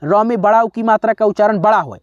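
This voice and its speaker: A man teaching a spelling lesson, slowly sounding out letters one by one and often pausing to check in with his viewers as friends. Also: high-pitched, clean tone, no room sound, muffled recording. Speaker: English teacher.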